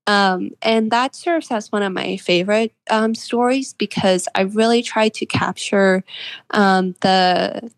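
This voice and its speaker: A woman of about twenty from West Virginia, United States, speaks with an American accent as a guest author in a conversational interview. Her mid-range voice holds a steady tone at a slow pace, earnest and agreeable, with no room sound.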